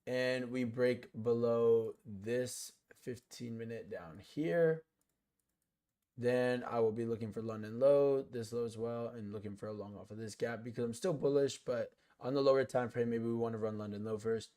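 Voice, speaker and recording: A day trader streams live, talking his chat through trades in a relaxed, slangy way full of "like", "bro" and "yo". He explains setups step by step between offhand asides, in a middle-range pitch at normal speed.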